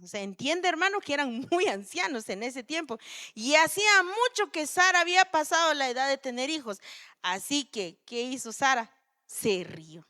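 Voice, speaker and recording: A woman preacher giving a sermon at a church vigil, animated and speaking directly to the congregation. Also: high-pitched, moderate pace. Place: church service.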